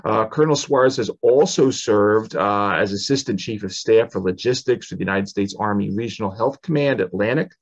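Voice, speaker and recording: A man's voice: fairly low pitch, fairly quick, few pauses, highs cut off. A man in his forties hosting a podcast over a video call from a home office, reading a long guest introduction with frequent "uh" fillers. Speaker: podcast host. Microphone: headset on video call.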